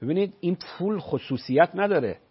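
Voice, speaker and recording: A man's voice: high voice, expressive, slightly rough. A man, a religious scholar on a radio call-in show, patiently explaining rulings with everyday examples. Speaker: religious scholar answering callers. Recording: dull lo-fi radio broadcast.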